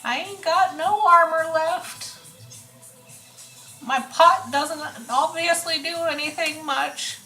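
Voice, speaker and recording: A woman voicing a grumpy male troll who guards a bridge, in a high, whiny put-on voice. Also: slow pace, bright, forceful tone, roomy sound, soft background music, full character voice, rough recording. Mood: grudging.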